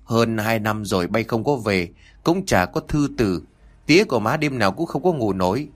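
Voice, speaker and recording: A man's voice: fairly low pitch, animated, normal speed. A man voicing a chatty old country mother. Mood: fussing. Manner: chatty, fussing.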